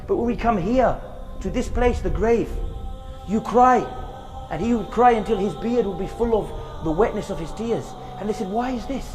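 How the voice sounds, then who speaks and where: Earnest high-voiced male preacher. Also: normal speed, darkish tone, big-room sound, faint music behind. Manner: earnest, repetitive emphasis, recites Quran verses. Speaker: Islamic preacher. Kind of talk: filmed religious reminder. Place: outdoors in a graveyard.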